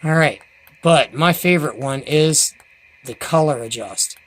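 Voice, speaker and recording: Alone at home with a handheld camera mic, the enthusiastic host of a CB radio review channel rambles folksily through a casual product review and unboxing. He speaks a little high and a little slow, with a fairly bright tone.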